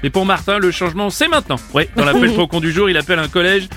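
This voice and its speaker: A man hosting a radio show, introducing a segment briskly and playfully. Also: high-pitched, expressive, sharp tone, faint music behind. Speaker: radio host.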